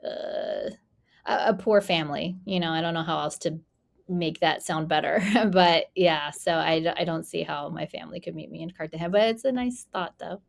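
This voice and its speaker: A woman in her forties from Colombia speaks as a podcast guest, her voice sitting on the lower side. She talks casually and reflectively, pausing often with fillers as she explains her thinking. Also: creaky. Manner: conversational, many fillers, reflective. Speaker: podcast guest, real estate investor. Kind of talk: casual interview conversation.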